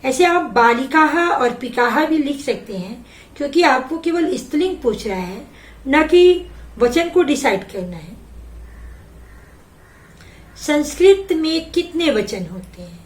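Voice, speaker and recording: A woman teaching a Sanskrit lesson, slowly reading each word and then giving its meaning. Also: high voice, animated, echoey room. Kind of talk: slow classroom explanation.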